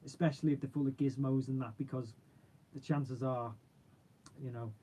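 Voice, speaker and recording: A man's voice: medium pitch, steady tone, normal speed, warm tone, husky, low-quality recording. A man, chatting casually and informally as he hosts a livestream and answers viewers, rambling in a matey way. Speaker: car channel host.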